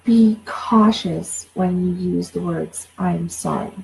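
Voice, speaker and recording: A woman in her forties speaks as a coach in a loose, blunt, off-the-cuff way, swearing freely. Her voice sits low with a gravelly fry and a dark, mellow color. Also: slow, poor audio. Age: 40s. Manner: blunt, swears, repeats words when fired up. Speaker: life coach. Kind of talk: casual livestream talk.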